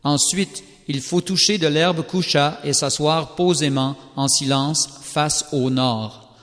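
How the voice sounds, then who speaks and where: A man reads a sacred text aloud in a slow, solemn, carefully measured recitation. His voice sits a little higher than most men's, and a long reverb hangs after each phrase. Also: steady tone, a bit bright. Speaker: scripture reader. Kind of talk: scripted scripture reading. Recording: long reverberant hall sound.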